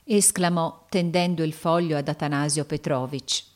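Narrator, woman, lowish voice, measured storybook reading. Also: steady tone.

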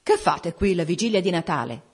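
A woman's voice: fairly low pitch, very animated, measured pace, darkish tone. A woman voicing a mocking, grinning old male ghost who questions a gravedigger brusquely.

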